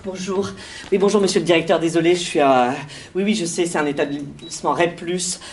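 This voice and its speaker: A man's voice: fairly high pitch, brisk, slight background noise, pitched below the performer's own voice, close to an everyday voice. A man playing a flustered new schoolteacher lady. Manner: flustered, stammering, many hesitations. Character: nervous young female schoolteacher, first day. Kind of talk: stage improvisation. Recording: roomy stage with live audience.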